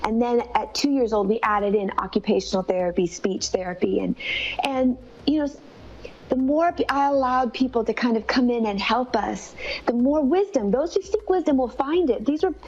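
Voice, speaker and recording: Higher-pitched woman giving personal testimony. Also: darkish tone. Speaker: mother telling her daughter's illness story. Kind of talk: personal testimony, conversational storytelling. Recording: slightly dull, lo-fi sound.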